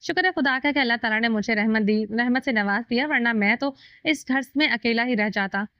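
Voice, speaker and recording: A woman's voice: a little high, brisk, smooth, no echo, natural voice. A woman voicing a stern, possessive young husband who clips and chews his words, harsh with enemies and teasing at home. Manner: clipped, jaw-set, words chewed. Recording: dull lo-fi dry recording.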